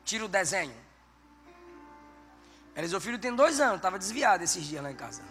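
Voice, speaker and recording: A man, a pastor, preaching a sermon with animated storytelling and bursts of shouted emphasis. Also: high-pitched, fairly quick. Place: church. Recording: church hall reverb, faint background music.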